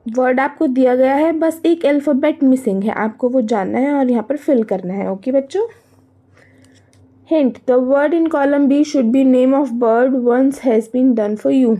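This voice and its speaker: Indian lady teacher, high voice, mellow tone, slow and patient, asks kids stuff then answers it. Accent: Indian English. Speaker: primary school teacher. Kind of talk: workbook lesson for young children.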